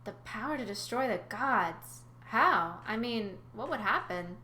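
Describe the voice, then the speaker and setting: A woman voicing an intense, ambitious teenage heroine from a storybook, halting and awed. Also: fairly high pitch, lively intonation, sharp tone. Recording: roomy echo, faint background noise.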